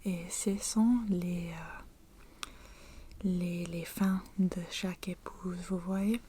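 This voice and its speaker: Soft-spoken ASMR woman, French, mellow and unhurried, close intimate whisper. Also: fairly low pitch, steady tone, slight background noise. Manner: slow, halting whisper with frequent pauses and restarts. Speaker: ASMR creator. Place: indoors at home.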